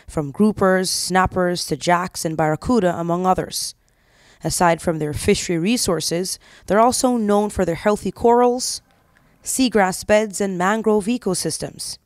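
A female TV reporter narrates a scripted feature in the manner of a nature documentary. Her medium-pitched voice is recorded close and dry. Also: unhurried, dry recording. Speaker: TV news reporter. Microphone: close, dry voice-over mic.

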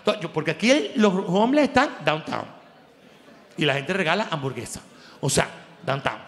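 High-voiced Venezuelan comic, animated. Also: male voice, normal speed, big-room sound. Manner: animated, laughing, acts out quoted voices. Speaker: comedy show host. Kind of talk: stand-up comedy monologue.

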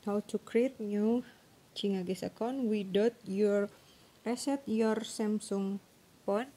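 A woman giving an informal phone tutorial, speaking halting broken English and groping for words. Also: mid-range voice, steady tone, dark tone. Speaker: tutorial presenter. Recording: noisy amateur phone screen recording.

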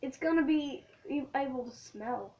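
A woman's voice: high-pitched, measured pace, dark tone, muffled recording. A young girl co-hosting a casual jelly bean challenge vlog, squealing dramatic reactions. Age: child. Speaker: co-host vlogger.

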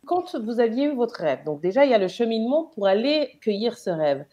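Woman host, measured questioner, mellow tone, heard through a video call. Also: fairly high pitch, big pitch swings, muffled recording. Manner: measured, asks long reflective questions. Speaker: interviewer and host.

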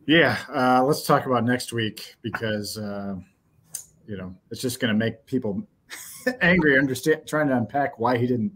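A middle-aged man hosting a casual postgame sports podcast over a video call, blunt and animated with lots of fillers. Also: mid-range voice, moderate pace. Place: small indoor office. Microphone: headset on a video call.

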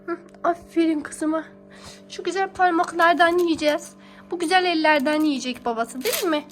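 Her pitch extremely high, a young mother talks at normal speed while baking, affectionately coaxing her little one with pet names and repeated phrases. There's faint music in the background.

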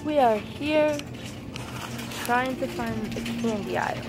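A woman's voice: fairly high pitch, expressive, slow, very noisy. A young woman vlogging casually in a large supermarket on a handheld camera, chatty and easily grossed out. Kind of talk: casual vlog chat.

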